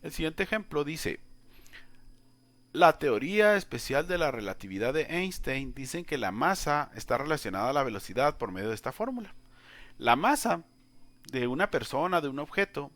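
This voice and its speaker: Male math tutor, slightly high, very expressive pitch, chatty step-by-step explainer. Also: normal speed, no room sound. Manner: chatty, addresses the student directly, explains step by step. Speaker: math teacher. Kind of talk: informal whiteboard lesson.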